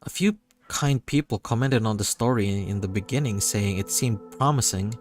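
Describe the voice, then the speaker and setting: Music runs under this clip of a man reading a visual novel aloud for a livestream audience. His voice sits on the low side and moves at a normal speed, with occasional stumbles that send him back to reread lines.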